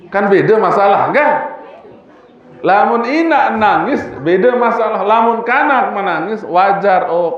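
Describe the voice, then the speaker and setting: A man with a Sasak Lombok accent delivers a relaxed sermon, joking and tossing rhetorical questions at his listeners. He speaks slowly in a plain middle register. The sound is dull and distant, washed in heavy hall echo. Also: high-pitched. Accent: Sasak-accented Indonesian from Lombok. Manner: chatty and joking, firing rhetorical questions at the congregation. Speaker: preacher. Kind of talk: weekly religious study sermon.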